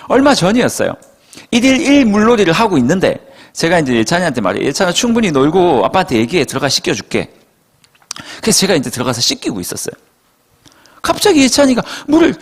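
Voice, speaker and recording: A male pastor preaching a sermon to young adults in a lively storytelling style, speaking to the congregation directly and acting out dialogue. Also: high voice, breathy edge. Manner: addresses listeners directly and conversationally. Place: church worship service.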